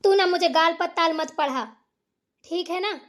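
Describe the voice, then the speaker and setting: Woman playing a cranky old cartoon mom, high pitched, yells and grumbles. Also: unhurried. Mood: scolding. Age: older. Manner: shrill yelling and scolding, mutters to herself. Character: aging village mother, bossy and short-tempered. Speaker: cartoon character voice. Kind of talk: cartoon voice acting.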